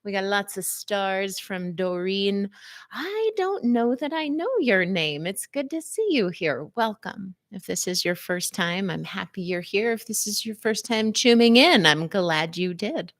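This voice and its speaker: A woman talks casually on a live stream. She greets her viewers, plays with words, and keeps a chatty, sing-song manner. Her voice sits at a middle pitch. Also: lively intonation, measured pace. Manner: playful, sing-song wordplay and warm direct address. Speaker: host of a live wellness stream.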